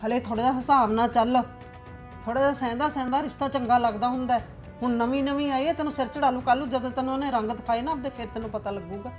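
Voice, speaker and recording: A woman's voice: high voice, fairly even intonation, racing, a little mellow, faint music behind, natural voice. A woman playing a scheming, nagging mother-in-law. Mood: lecturing. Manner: scolding, lecturing, suspicious. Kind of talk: family drama acting.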